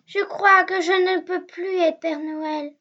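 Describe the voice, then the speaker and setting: A tiny, gentle Father Christmas from a children's storybook, played by a woman in a very high, slow, plaintive voice. The recording sounds dull and lo-fi. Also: fairly even intonation.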